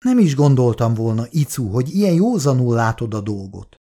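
A man's voice: mid-range voice, very animated, mellow. A reader voicing Laci, a troubled young man unsure about his love, in a storybook reading. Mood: brooding.

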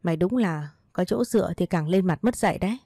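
A woman's voice: lowish voice, brisk, mellow, no room sound, clean studio sound. A woman reading the lines of a rude, bossy former sister-in-law who speaks bluntly and insultingly. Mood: scornful. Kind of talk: read storybook dialogue.

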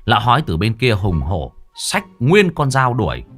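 Guy telling a funny story, voice bouncing around, soft music behind. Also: on the low side, moderate pace. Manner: lively, animated storytelling. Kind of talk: comic folk-tale narration.

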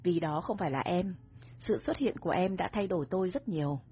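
Romance audiobook: woman voicing a gentle, coaxing young heir, low and husky. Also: animated, a little fast, full character voice. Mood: tender. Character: young rich heir, domineering but tender man. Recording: dull recording with soft music.

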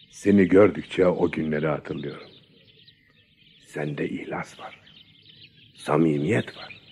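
A man playing an older, venerable Sufi master in a radio drama, stern yet fatherly, with a husky voice. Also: low-pitched, a little mellow, exaggerated voice.

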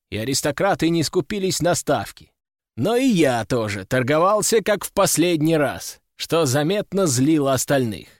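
A man narrates a first-person novel with expressive storytelling. His voice sits fairly high and moves with animated intonation. The recording is dry and close, with no room sound. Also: dry recording. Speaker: audiobook narrator.

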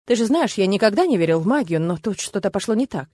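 A woman voicing a gruff, protective middle-aged father who grumbles scornfully in an audiobook. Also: medium pitch, lively intonation, fast talker, a little mellow, no room sound, clean studio sound, close to an everyday voice. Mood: earnest. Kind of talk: audiobook character voice.

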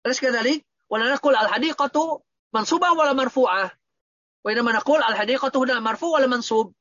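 A man's voice: extremely high pitch, quick pace, bright, forceful tone, no room sound. A man teaching Arabic grammar in an online lesson, quizzing his students with repeated questions. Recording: dull, dry lo-fi audio.

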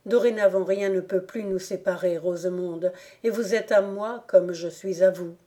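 A woman's voice: lowish voice, steady tone, normal speed, warm tone, natural voice. A woman reading the lines of an impetuous young man in love, in a passionate, exclamatory way. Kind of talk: audiobook character reading.

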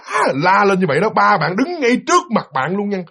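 Young male storyteller, high and husky, quick and very lively, slips into character voices. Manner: lively, acts out voices of father and child. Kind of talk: animated ghost-story telling.

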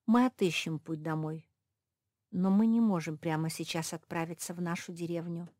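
A woman voicing a steady, determined female pug who insists on her plan. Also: lowish voice, moderate pace, no room sound, studio quality, lightly acted. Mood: firm. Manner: firm, insistent.

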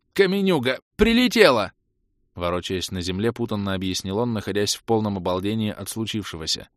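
A man narrating a fantasy adventure audiobook in the first person, lively and acting out the dialogue. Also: on the low side, no room sound, studio quality. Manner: lively, acts out shouts and dialogue.

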